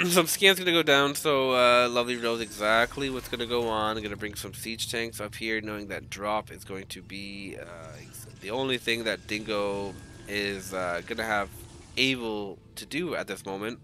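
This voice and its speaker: A man's voice: on the low side, normal speed, pushed and bright, slight background noise. Groggy, just-woken male game caster. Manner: rambling, casual play-by-play with frequent restarts and swearing. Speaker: esports caster. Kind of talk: live game commentary.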